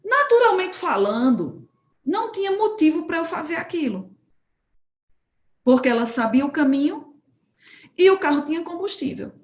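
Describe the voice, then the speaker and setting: Woman preaching, tells her story lively and plays out every line, kinda high voice, room echo. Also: moderate pace, pauses often. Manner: lively storyteller who acts out dialogue. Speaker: speaker at a church home group. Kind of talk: sermon testimony told as a story.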